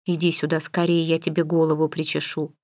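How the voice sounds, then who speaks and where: A woman's voice: deep voice, little pitch movement, fairly quick, a little mellow, no room sound, studio quality, lightly acted. A woman reading an audiobook, voicing a stern, fussy middle-aged mother who scolds and gives orders. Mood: bossy. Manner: scolding, bossy. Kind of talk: audiobook character voice.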